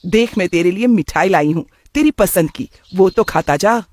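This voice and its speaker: A doting middle-aged aunt in a cartoon story, as a man puts her on. She speaks in an affectionate, mildly complaining way with a high voice. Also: expressive, moderate pace, darkish tone, no room sound, clean studio sound. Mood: fond. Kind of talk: cartoon voice acting.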